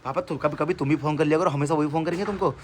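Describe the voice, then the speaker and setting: A young man hosting a casual family vlog outdoors at home, teasing his family and calling out loudly. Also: a little high, rapid-fire, a little hiss or hum. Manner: teasing, lively, calls out loudly. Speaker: vlogger, host.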